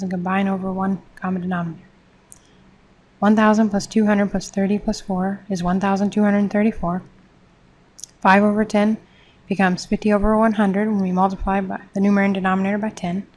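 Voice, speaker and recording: A woman teaching a math lesson, reading textbook steps in a steady, measured way. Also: medium pitch, poor audio. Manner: steady, measured, step-by-step explanation.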